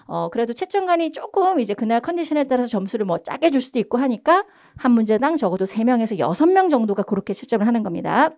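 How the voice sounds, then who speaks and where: High lively woman teaching speaking. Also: fast. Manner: energetic, exaggerated stress when modeling phrases. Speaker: English speaking test instructor. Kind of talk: online lecture.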